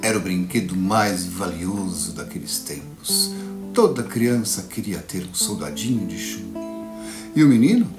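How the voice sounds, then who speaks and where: A man telling a classic fairy tale to children, playful and dramatic, with long pauses. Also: sits low, lively intonation. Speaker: storyteller. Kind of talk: children's storytelling performance. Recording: echoey room with guitar music.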